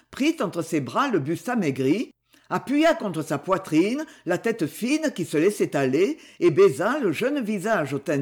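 An audiobook narrator giving a slow, expressive literary reading. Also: medium pitch, breathy edge.

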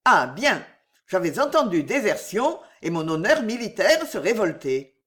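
A woman reading a teasing soldier, wry and lively. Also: medium pitch, measured pace. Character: wry male officer, teasing and prosaic. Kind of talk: audiobook reading.

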